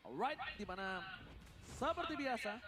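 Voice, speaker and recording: Male esports caster, Indonesian accent. Extremely high pitch, dramatic fighting-game-announcer delivery. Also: very animated, measured pace. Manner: dramatic, shouts key plays with English catchphrases. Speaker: esports match commentator.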